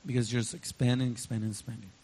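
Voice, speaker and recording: A man interprets a sermon live at a middle pitch. He follows the preacher phrase by phrase and sometimes hesitates or restarts. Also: flat delivery, fast talker, dark tone, slightly rough. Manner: follows closely, with fillers and restarts.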